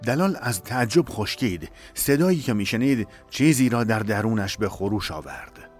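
A man reading a dramatic novel aloud in a measured, emotive storytelling voice. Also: lowish voice, animated, soft background music. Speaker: narrator. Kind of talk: dramatic audiobook narration.

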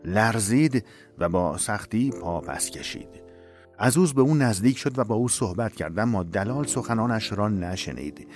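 A man reading a dramatic novel aloud in a measured, emotive storytelling voice. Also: on the low side, animated, faint music behind. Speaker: narrator. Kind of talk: dramatic audiobook narration.

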